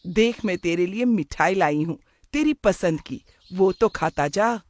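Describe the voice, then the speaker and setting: A talkative, fond middle-aged aunt from a cartoon moral story, voiced by a performer. She reminisces warmly at an unhurried pace and gently scolds. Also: mid-range voice, lively intonation, natural voice. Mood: coaxing. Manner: chatty, affectionate, scolding. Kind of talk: animated moral story dialogue.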